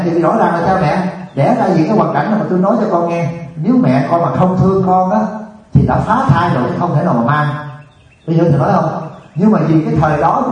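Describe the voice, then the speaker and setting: A man's voice: on the high side, a little mellow. A man gives a Buddhist dharma talk, telling a story, voicing its people and asking the listeners questions. His voice carries from a distance through a very echoey hall. The recording sounds dull and muffled. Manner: storytelling, acting out dialogue, asking the audience questions. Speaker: Buddhist monk teacher. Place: meditation hall.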